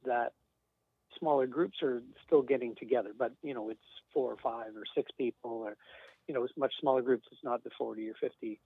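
Talking a little fast, this man has a medium-pitched, gravelly voice with a breathy edge. He's an industry sales rep guesting in a casual chat, rambling with fillers and light chuckles. The audio is dry, tinny phone-line sound with no room sound.

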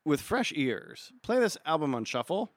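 A man's voice: on the high side, very animated, moderate pace, no room sound. A man co-hosting a podcast about an album, chatting in an easygoing way and laughing often. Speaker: podcast co-host. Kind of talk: casual music discussion.

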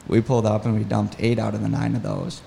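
A man's voice: on the low side, fast talker, gravelly, a little hiss or hum. A man telling a story as a podcast guest, in a casual, enthusiastic way. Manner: enthusiastic, animated retelling. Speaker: podcast guest, hunting guide.

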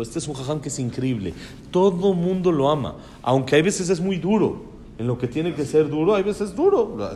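A man's voice: a little high, a little mellow, a little hiss or hum. A man giving an informal Torah class, speaking in an admiring way that repeats phrases and often restarts.

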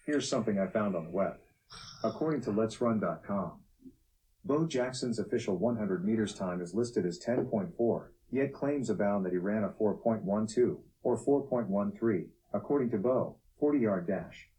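Smart speaker assistant, male, lowish and relaxed, measured synthetic read-out of web answers. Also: poor audio.

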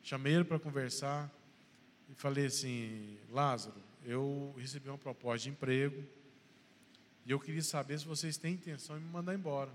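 A man's voice: mid-range voice, steady tone, normal speed, long reverb tail, slight background noise. A Brazilian man with a Brazilian Portuguese accent giving a church testimony, telling his story and acting out dialogue before urging the congregation on. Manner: storytelling, acts out phone dialogue, preacherly exhortation.

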